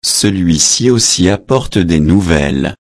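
A man's voice: low voice, expressive, a little slow, no echo, studio quality. A man reading the lines of an old king who mourns his son, in his own plain reading voice.

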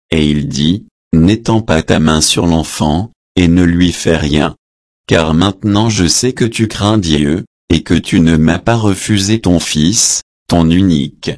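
A man with a very deep voice reads scripture verse by verse, unhurried and solemn. He names each verse number and reads the side notes aloud. The sound is close and dry, with no room around it. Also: darkish tone, no room sound. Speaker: scripture reader. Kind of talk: verse-by-verse Bible reading.

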